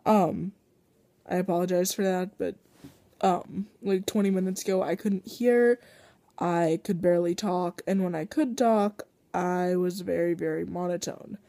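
A teenage girl vlogging her day while sick and congested, rambling with lots of pauses and fillers. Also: on the low side, fairly even intonation, creaky, mellow, no room sound. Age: teens. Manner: rambling, many ums. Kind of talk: casual daily vlog.

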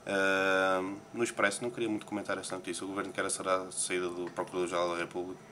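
A man's voice: sits low, flat delivery, very fast, bright, forceful tone, a little hiss or hum. A man from Portugal with a European Portuguese accent, chatting casually in an interview and commenting on newspaper headlines with frequent hesitations. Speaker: poker player interviewee. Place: Las Vegas, morning.

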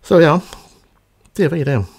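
With a voice on the high side, creaky and a bit rough, a fifty-something vlogger from Sweden talks through a voice-over on his life and travels in a chatty, self-deprecating way.

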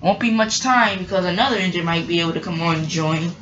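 A woman's voice: fairly low pitch, fast, a bit bright, close to an everyday voice. A woman voicing a scheming, pushy male diesel engine villain in a storybook reading. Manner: pushy and wheedling. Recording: muffled noisy home recording.

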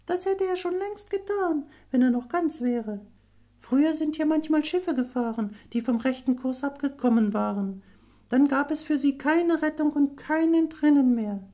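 Storybook mermaid princess, tearful and gentle, very high but mellow voice, slow soft phrasing. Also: male voice. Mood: sorrowful. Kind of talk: audiobook character voice.

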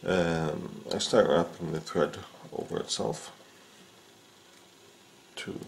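This casual how-to features a man fixing a fishing rod at an indoor bench, speaking unhurriedly with plenty of fillers. His voice is deep, slow and fairly even in intonation, with vocal fry. A little hiss or hum sits in the recording.

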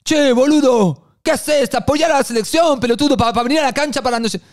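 A man acting out a furious, foul-mouthed male football fan with an Argentine accent, shouting insults. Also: very high voice, a little fast, voice pushed up. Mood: threatening. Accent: Argentine Spanish. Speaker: youtuber. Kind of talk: acting out a story.

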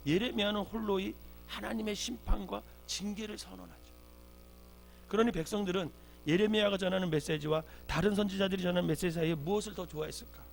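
Gravelly high-voiced Korean pastor preaching. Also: male voice. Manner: earnest preaching, swells louder when quoting scripture. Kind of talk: early-morning sermon. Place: church sanctuary. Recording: faint mains hum.

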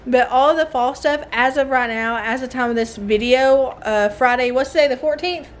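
With a high voice at a moderate pace and a Southern American accent, a young homeschooling mom from the southern US talks casually in her home vlog, animated, chatty, and quick to laugh. She records on a phone held at arm's length, starting in the car and moving to her mobile home's living room.

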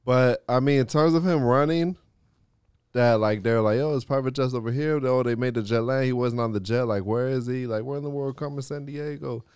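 A man's voice: medium pitch, a little fast, a little mellow, clear, resonant tone, no echo, clean studio sound. A man co-hosting a podcast, rambling with lots of fillers and swearing in casual chat. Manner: rambling, full of fillers, profane. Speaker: podcast co-host.

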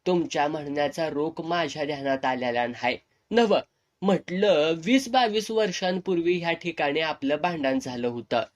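A burly, swaggering landlord with a menacing edge voiced by a male narrator mocks in cocky rural speech. The tone sits a touch high. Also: normal speed, lightly acted. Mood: mocking. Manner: cocky, mocking rural dialect.

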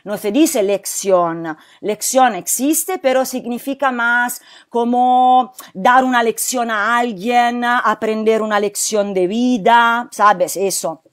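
A woman teaching a live online class, explaining slowly and carefully with many pauses and fillers. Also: on the high side. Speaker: Spanish teacher. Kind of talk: live online language lesson.

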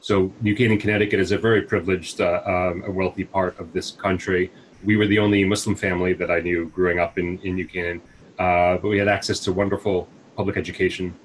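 Speaking quickly in a low, level voice, this American nonprofit chief in his forties reflects on interview questions, stumbling through plenty of fillers and restarts. He's on a video call through wired earbuds in a small room at home, and the poor audio has a slight hiss or hum.

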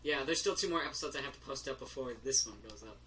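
A man's voice: mid-range voice, fast, pushed and bright, slight background noise. A man giving casual commentary and instructions to someone playing a video game. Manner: gives instructions to the player. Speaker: co-commentator backseat gamer. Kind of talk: casual Let's Play banter. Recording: distant mic over game music.

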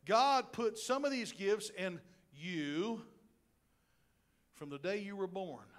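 High-voiced joking male pastor preaching. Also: takes it slowly. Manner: animated, joking preaching with asides to the congregation. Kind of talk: sermon. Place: church sanctuary.

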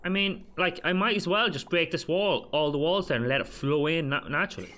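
A gaming channel host does frantic, swearing let's play commentary, talking to himself and his viewers in a brisk, bright, forceful tone. Whenever he panics, his pitch jumps up sharply.

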